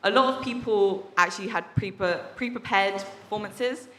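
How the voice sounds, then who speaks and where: A woman's voice: mid-range voice, moderate pace, fairly bright tone. A young woman from England giving a casual testimony at a church service, chatty and full of fillers, laughing often. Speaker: workshop participant sharing testimony. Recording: echoey hall sound.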